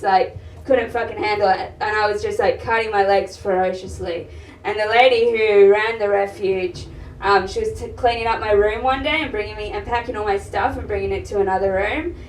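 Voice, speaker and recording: A young woman performing a stand-up comedy set, blunt and swearing, rambling with fillers, in a live venue with an audience. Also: medium pitch. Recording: roomy live venue, mic heard from a distance. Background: audience laughter and room noise.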